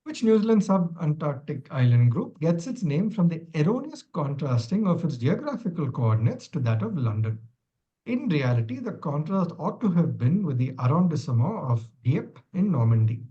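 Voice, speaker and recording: A man's voice: fairly high pitch, big pitch swings, normal speed, dull audio. A man acting as quizmaster, reading long questions and adding dry, wry asides.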